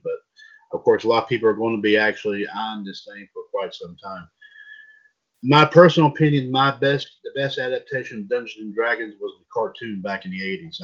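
A man hosting a casual pop culture news podcast, reading headlines aloud and stumbling over names. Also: fairly low pitch. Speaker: podcast host. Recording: dull lo-fi sound.

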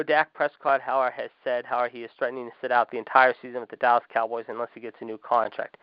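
A man's voice: mid-range voice, smooth, no echo. A man hosting a sports talk show, giving emphatic opinions with many fillers and repeated "however". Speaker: podcast host. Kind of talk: opinionated sports commentary monologue. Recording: dull lo-fi dry recording.

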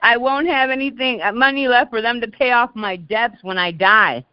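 A woman's voice: fairly high pitch, moderate pace, clear, resonant tone, no room sound. An older woman hosting a community call, chatting and telling stories and often repeating her words. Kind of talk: casual call-in chat. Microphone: call audio. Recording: muffled dry call audio.

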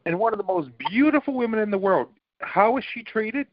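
A man's voice: high-pitched, lively intonation, a little fast, dry recording. A man on a political talk panel who argues emphatically and often restarts his sentences. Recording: dull lo-fi dry recording.

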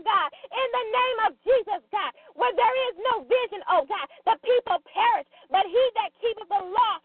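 A woman with a very high voice leads an intense intercessory prayer, driving each phrase home with repeated calls to God. Her voice comes through thin and tinny, as if over a phone line. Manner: repetitive, insistent, punctuating phrases with "God". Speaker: prayer leader.

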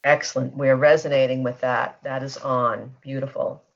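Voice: medium pitch, level tone, moderate pace, vocal fry. A facilitator leading a guided energy-healing session, speaking in a soothing way and prompting listeners to repeat statements. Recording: dull lo-fi teleconference line.

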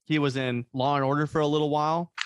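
A man hosting a casual podcast chat, excitable, swearing casually and laughing often. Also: fairly high pitch, fast talker, clean tone, dry recording. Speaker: podcast host.

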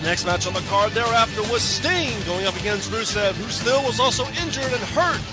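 A man's voice: sits high, expressive, brisk, highs cut off, over loud music, over a noisy crowd. A man narrating a recap of wrestling matches in the manner of a storyteller.

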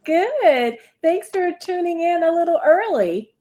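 A woman's voice: very high voice, very animated, measured pace, mellow. A woman hosting an online radio show, chatting casually with a guest, laughing often and talking with many fillers and restarts. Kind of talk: casual interview.

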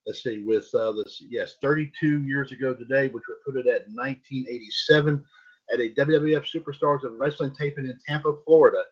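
A man's voice: medium pitch, fairly quick, husky. A man hosting an internet radio show, talking in a folksy, repetitive way with plenty of fillers. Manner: folksy, repeats himself, lots of fillers. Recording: dull lo-fi internet radio audio.

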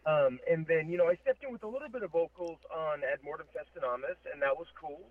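Thin phone-like audio, man, slightly high voice, casual interview guest, reflective, thinking aloud. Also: quick pace, no room sound. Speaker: metal band vocalist, interview guest.

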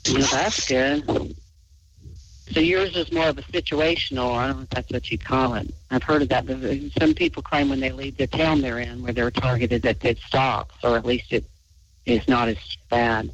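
A man's voice: medium pitch, normal speed, fairly bright tone, slight background noise. Rambling man hosting late-night chat. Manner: rambling, with many restarts. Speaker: host. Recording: dull lo-fi audio.

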